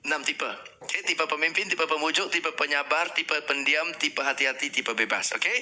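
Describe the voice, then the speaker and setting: A man's voice: fairly high pitch, moderate pace, bright, forceful tone. A middle-aged man teaching customer service, acting out dialogues between customers and staff. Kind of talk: training lecture.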